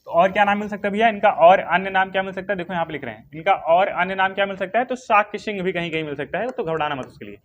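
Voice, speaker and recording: High-voiced man drilling exam facts. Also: rapid-fire, few pauses, slight background noise. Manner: repeats questions and answers them himself, calls students bhaiya; drills key names by repetition, dictates notes. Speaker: history teacher. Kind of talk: exam coaching class.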